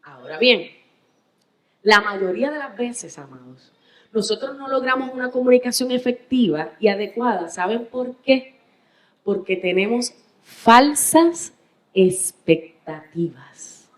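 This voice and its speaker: A woman preacher with a Puerto Rican accent delivers a sermon in a high-pitched voice. She tells stories dramatically, dropping to a hush and then rising to stretched-out, emphatic stresses. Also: low-quality recording. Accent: Puerto Rican Spanish. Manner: dramatic storytelling, swings between hushed and emphatic, drawn-out stresses.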